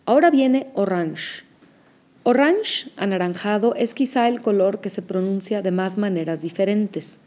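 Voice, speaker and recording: A woman teaching an audio language lesson, explaining pronunciation slowly and carefully. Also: mid-range voice, a little mellow.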